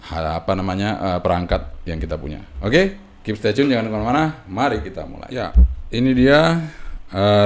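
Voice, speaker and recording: In a low, slightly mellow voice, a hobbyist presenter walks through a casual hands-on tutorial piece by piece. His explaining is halting and piecemeal, and he often tags phrases with a short confirming "ya."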